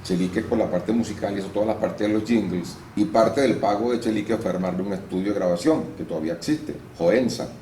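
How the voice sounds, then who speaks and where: Man with a low voice. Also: fairly quick, hardly any pauses. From Venezuela. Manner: explanatory, lively storytelling with restarts. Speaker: interviewee, actor and voice-over artist. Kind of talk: casual interview. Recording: roomy room with faint noise.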